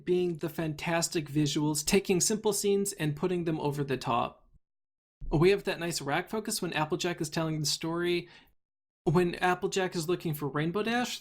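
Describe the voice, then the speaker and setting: A man hosting a casual review discussion, leading the talk and laughing easily. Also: a little high. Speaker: podcast host.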